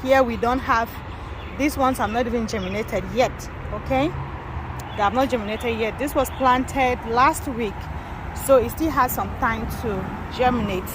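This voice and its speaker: A woman's voice: fairly high pitch, unhurried. A woman from Cameroon giving a casual tour of her garden, chatting to viewers as she walks. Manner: chatty, addresses viewers as guys. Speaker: gardening vlogger. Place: outdoor garden, windy. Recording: wind and traffic noise outdoors.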